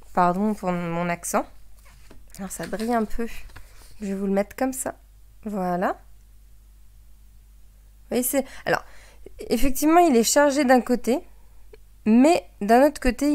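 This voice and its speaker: A woman's voice: fairly high pitch, a little mellow. Woman, craft product demonstrator, casual and hesitant, lots of fillers, addresses viewers directly. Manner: hesitant, many filler sounds and restarts.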